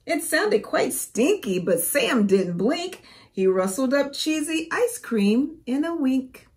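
A woman in her forties reading a storybook aloud to young children as a teacher, expressive and careful. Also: sits high, slow pace. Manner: expressive, careful, asks the listener questions.

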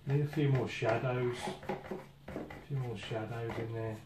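A man's voice: medium pitch, fairly even intonation, measured pace. A man, giving a casual watercolour lesson at his easel and thinking aloud with many restarts. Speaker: watercolour painting instructor. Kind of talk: casual painting demonstration. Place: indoor studio at an easel. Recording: echoey room with clear background noise.

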